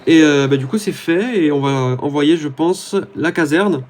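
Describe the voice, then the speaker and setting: A man's voice: on the high side, unhurried, a little mellow, soft background music. A man giving casual, rambling commentary over his own gameplay, talking to his viewers with many hesitant fillers. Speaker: gaming YouTuber.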